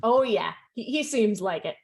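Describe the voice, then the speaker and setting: Lively woman hosting a video-call chat. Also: medium pitch, moderate pace, vocal fry. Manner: chatty, lively, laughs often. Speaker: adoption fair host. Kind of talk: live online chat interview.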